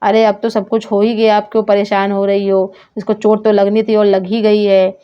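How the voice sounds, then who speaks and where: A woman's voice: medium pitch, flat delivery, moderate pace, smooth, natural voice. A woman voicing a worried grown man who pleads with a doctor and grumbles about her fee, in a doll story. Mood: scolding. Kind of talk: doll story role-play. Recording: dull lo-fi sound.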